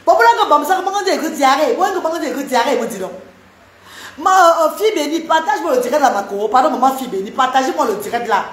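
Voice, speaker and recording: A Cameroonian woman with a high voice talks straight to viewers in her live stream. She speaks in a Cameroonian French accent and is emphatic, repeating herself as she scolds and banters. The sound is roomy, with a clear echo. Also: expressive, quick pace.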